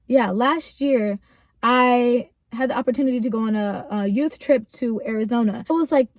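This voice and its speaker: A young woman speaks earnestly from inside her car, close to tears as she shares something personal. Her voice sits a little high and the sound is close and dry, with no room around it. She talks in a loose, chatty way, full of fillers and pauses. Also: darkish tone, no room sound. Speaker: vlogger. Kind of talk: emotional personal car vlog.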